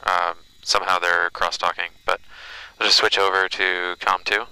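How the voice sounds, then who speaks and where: A man's voice: sits low, level tone, moderate pace, pushed and bright, clean tone, dry recording, low-quality recording. A man giving a casual, hesitant explanation as he demonstrates an audio setup. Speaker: pilot demonstrating cockpit audio recording.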